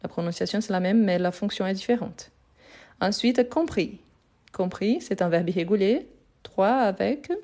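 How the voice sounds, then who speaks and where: A woman's voice: mid-range voice, moderate pace, dark tone. A woman teaching French in a live online grammar lesson, recorded on her phone, patiently repeating answers and praising students.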